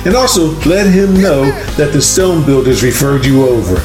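Guy cohosting church radio, chatty, voice a bit high, roomy with some music. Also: animated, normal speed. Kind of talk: casual conversational radio hosting.

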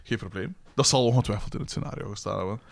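A man's voice: on the low side, quick pace, vocal fry. A man with a Flemish accent, recapping a film in casual podcast chat, hesitant and laughing often. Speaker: podcast co-host.

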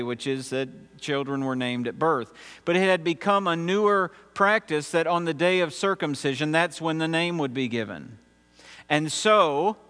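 A man preaching a sermon as pastor, measured, with emphatic pauses between phrases. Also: on the high side, a bit bright. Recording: long reverb with mains hum.

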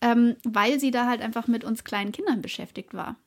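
A young woman in her twenties chatting as a podcast co-host, her voice sitting a little high. She hesitates often with fillers and breaks into laughter as she talks. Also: brisk. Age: 20s. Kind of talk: casual chat.

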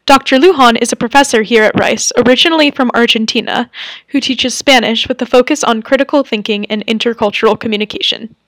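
Young woman, podcast host, scripted intro, upbeat, high voice, dry close sound. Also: a little fast, a bit bright, dry recording.

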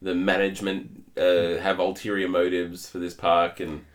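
A man co-hosting a podcast, talking in a casual, animated way and laughing often. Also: low-pitched. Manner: animated, laughs often, puts on quick voices. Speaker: podcast co-host. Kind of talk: casual chat.

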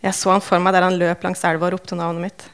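A woman reading a first-person novel aloud in calm, measured, understated narration. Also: lowish voice, smooth. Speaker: audiobook narrator.

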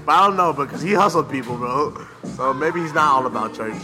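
Over background music, a man with a mid-range, expressive voice talks fairly quickly as he co-hosts a podcast. His banter is casual, jokey and boastful, full of slang, and he says "bro" constantly.

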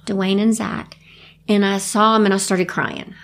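A woman telling her story in a casual interview, animated and laughing often. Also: a little slow, vocal fry, slight background noise. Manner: animated, laughs often, acts out quotes in a high voice. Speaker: guest.

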